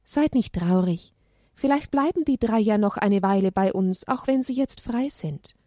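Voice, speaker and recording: A woman voicing a gentle, caring mother in a children's story, calm and reassuring. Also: medium pitch, moderate pace, dry recording, clean studio sound, lightly acted. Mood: soothing.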